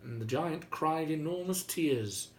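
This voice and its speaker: A man with a voice on the high side retells a fairy tale aloud at a measured pace, sounding animated. His storytelling is theatrical, droll and conversational, sprinkled with playful asides.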